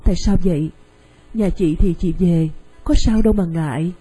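An actress, who gently coaxes and urges. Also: female voice, fairly low pitch, moderate pace, breathy edge, soft background music, low-quality recording. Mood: coaxing. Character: kind, persuasive woman friend, coaxing. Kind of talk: radio drama acting.

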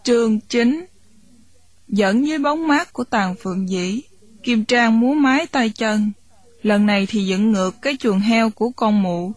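Husky woman reading a novel. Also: fairly high pitch, measured pace, no echo. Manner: steady storytelling, shifting into character voices. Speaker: audiobook narrator.

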